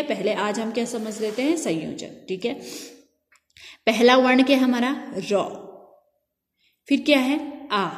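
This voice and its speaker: Woman teacher, fairly high voice, unhurried classroom delivery, recorded in a room with long reverb. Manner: asks questions and answers them herself, slow and drawn out. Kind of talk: classroom grammar lesson.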